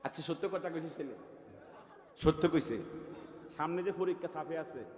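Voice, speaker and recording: A man preaching a sermon, telling a lively story, swinging from loud to quiet and asking his listeners questions. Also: fairly high pitch, normal speed, some chatter behind. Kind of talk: Bengali waz sermon with storytelling. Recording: echoey, reverberant venue.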